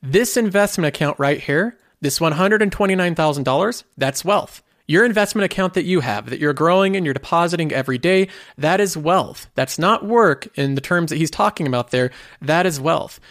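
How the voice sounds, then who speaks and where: A man's voice: on the high side, expressive, normal speed, hardly any pauses, fairly bright tone, dry recording, studio quality. A man hosting a finance video, explaining in scripted commentary and posing rhetorical questions.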